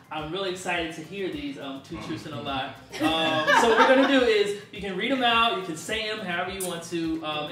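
A man hosting a casual panel chat, upbeat and quick to laugh, recorded in a room. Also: fairly high pitch, fairly bright tone, echoey room, distant mic, a little hiss or hum. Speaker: podcast host. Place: room in Chicago.

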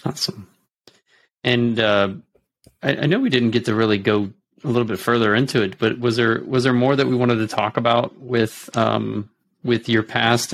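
A man's voice: mid-range voice, a bit bright. A man hosting an interview, asking questions hesitantly with many ums and restarts. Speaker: podcast host. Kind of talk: casual interview.

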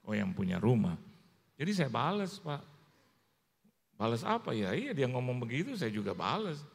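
A man preaching a sermon as pastor, animated and humorous, telling stories and acting out voices, in a church. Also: medium pitch, normal speed, creaky, husky. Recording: long church hall reverb.

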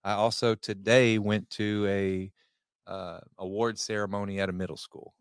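A man's voice: on the low side, level tone, moderate pace, clear, resonant tone, no echo, studio quality. A man co-hosting a casual podcast, joking around and laughing often as he chats about work and life. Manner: playful, jokey, laughs often. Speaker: podcast co-host.

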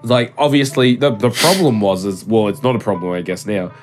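A young man with a fairly low voice co-hosts a podcast over a remote call, chatting briskly and casually. He sounds congested, laughs a lot, swears, and trails off mid-sentence, with faint music in the background.

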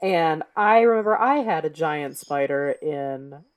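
On a podcast she co-hosts, a young American woman talks at a measured pace, her voice a touch low. The mood is easygoing and lively, full of easy laughs and casual swearing.

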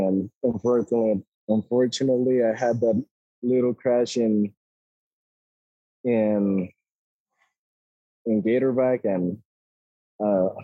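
A young man with a Costa Rican Spanish accent talks in an easygoing way, hedging with "like" as he goes. His voice is mellow and a little husky, and he is recorded dry and close. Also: on the low side, no echo, lo-fi sound. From Costa Rica. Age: 20s. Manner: easygoing, laughs often, hedges with like. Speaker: guest, ATV racer. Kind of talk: casual interview.

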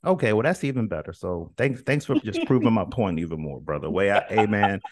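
Podcast host, man, very low voice, dry close mic, playful teasing. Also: animated, a little fast, dry recording. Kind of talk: casual podcast chat.

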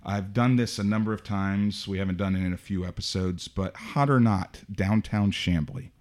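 Deep-voiced male podcast host. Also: darkish tone. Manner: measured, advice-giving. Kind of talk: casual interview conversation.

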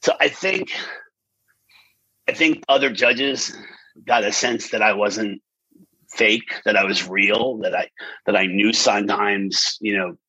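A man in his fifties, an animated storyteller in a conversational interview, who acts out quotes with big jumps in pitch. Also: slow, pauses often, husky, no echo, lo-fi sound. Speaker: guest.

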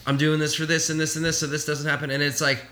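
Foul-mouthed young man with a bright voice. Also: a little high, level tone, quick pace. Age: 20s. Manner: profane, rambling and candid. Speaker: podcast co-host. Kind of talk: casual podcast chat.

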